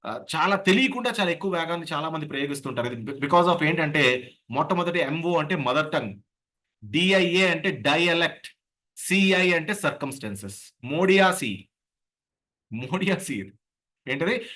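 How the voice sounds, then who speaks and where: A man with a Godavari Telugu accent giving an animated lecture on voice modulation as a public speaking trainer over a video call. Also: a little high, fairly quick. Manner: animated, slips into acted voices.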